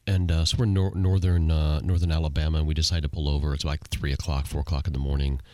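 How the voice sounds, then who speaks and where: A man's voice: very deep voice, little pitch movement, quick pace, warm tone. A man co-hosting a podcast, telling a road-trip story in casual chat and acting out the quoted voices. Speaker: podcast co-host.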